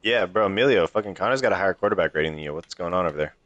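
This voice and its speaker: A young man with a very low, deep voice ribs his buddies in profane gaming banter. He talks over a headset in loose voice chat, needling and cursing freely. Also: animated, rapid-fire, fairly bright tone, dry recording, muffled recording. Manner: trash-talking, profane, needling. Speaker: online league player.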